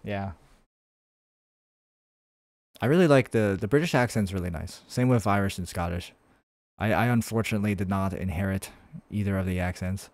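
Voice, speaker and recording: A man's voice: low voice, fairly quick, darkish tone, no room sound. A man streaming his game development, thinking aloud in a rambling, casual way with many fillers and restarts while answering chat. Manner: answers chat messages between coding steps.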